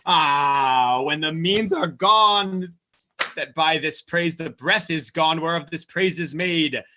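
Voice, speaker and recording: A faithful steward, anxious over his master's debts, played by a man in a live online play reading. The voice is bright, fairly high and earnest, with a pleading note in every line. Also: slow pace, slight background noise. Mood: grieving. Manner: earnest, pleading verse delivery. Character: loyal worried steward of a lord. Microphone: home microphone on a video call.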